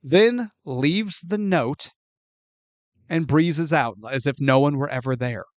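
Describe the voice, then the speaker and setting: A man co-hosting a podcast, recapping a film plot in an animated, profane, incredulous way. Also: fairly high pitch, takes it slowly, no echo. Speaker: podcast co-host. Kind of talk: casual movie review chat.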